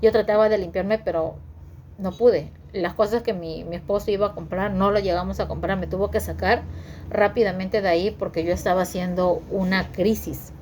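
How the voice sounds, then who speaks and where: A woman telling a personal story to her viewers in a halting way, repeating words and using many fillers. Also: mid-range voice, steady tone, a little mellow, slight background noise. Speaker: vlogger sharing her story.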